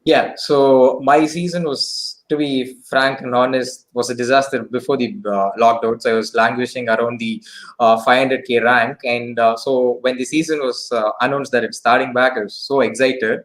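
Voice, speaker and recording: A man who makes fantasy football content, chatting on a casual online show in a relaxed way, often using fillers and "so". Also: medium pitch, moderate pace, rough recording.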